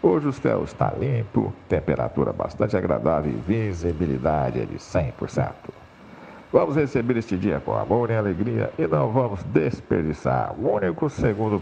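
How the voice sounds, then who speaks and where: A man speaks in the even, measured cadence of a pilot addressing passengers. His voice sits low and mellow with a gravelly edge, and the pitch moves freely through each phrase. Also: slight background noise. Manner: measured, announcer-like delivery. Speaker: motivational speaker posing as airline captain. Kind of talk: scripted motivational monologue in the form of an in-flight announcement.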